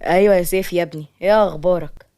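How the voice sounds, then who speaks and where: A woman's voice: fairly low pitch, steady tone, very fast, mellow, clean tone, close to an everyday voice. A woman voicing an older father, grave and saddened, in an Egyptian accent. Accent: Egyptian Arabic.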